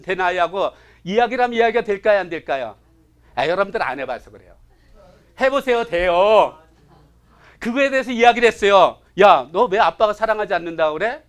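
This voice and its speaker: High-voiced man teaching a Bible class. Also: fairly bright tone, smooth. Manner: asks the audience rhetorical questions; prods listeners with short interjections. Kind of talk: lecture to a class.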